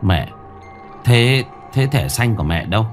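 An actor playing a frightened young man who stammers questions and then shouts threats through a door. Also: on the low side, expressive, unhurried, soft background music. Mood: wary stammer. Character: frightened young man guarding his home.

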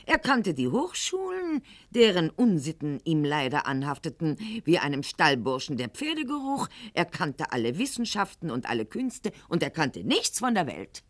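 This fairly low-pitched female voice belongs to an actress in a radio play, cast as a proud aristocratic wife at court who is growing old. She delivers her lines formally and precisely, with haughty theatrical declamation.

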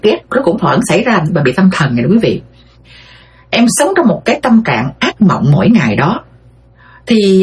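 A woman's voice: low voice, darkish tone, husky. A middle-aged woman, earnestly retelling a listener's life story and often speaking straight to her audience. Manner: earnest, addresses listeners directly, frequent pauses.

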